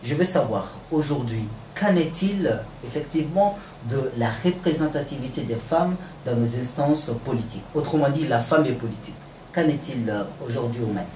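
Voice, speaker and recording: A man asking interview questions in a formal, measured and wordy manner. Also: medium pitch, animated, a little mellow. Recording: echoey room with faint background noise.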